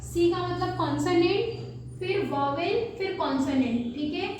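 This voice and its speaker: A very high-voiced woman teaches beginners phonics, spelling letters slowly and asking and answering her own questions. Her voice sits far back from the mic in a strongly echoing room, with a faint hum underneath. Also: a little mellow.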